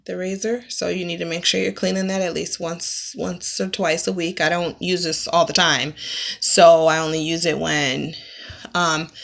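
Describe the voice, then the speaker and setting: A young woman with a slightly low but bright, forceful voice walks through her beauty routine in a relaxed, chatty way. She explains each product step by step and fills pauses with ums. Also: creaky. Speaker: beauty vlogger. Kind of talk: casual makeup tutorial. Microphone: camera mic, close-ups to the lens.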